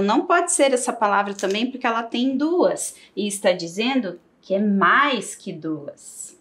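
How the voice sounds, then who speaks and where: A woman with a Brazilian Portuguese accent teaching a televised primary school lesson, sounding out syllables for children. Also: fairly high pitch. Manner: slow, lively, sings out syllables for children.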